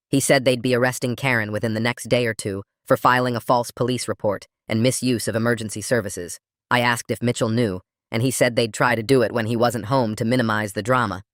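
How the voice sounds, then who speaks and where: Male storyteller, mid-range voice, steady scripted narration, dry studio sound. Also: medium pitch, dry recording.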